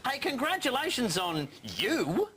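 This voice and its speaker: A man's voice: very high voice, wildly swooping pitch, unhurried, over a noisy crowd. An Australian man hosting a talk show, joking and teasing his guest in a playful way. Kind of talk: casual talk show chat.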